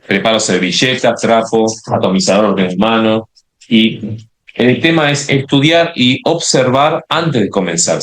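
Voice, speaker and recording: A man leads a watercolor lesson in a low voice. He explains each step as he paints, restarting phrases and checking in with his viewers. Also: fairly bright tone. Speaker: watercolor instructor. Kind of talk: live painting demonstration.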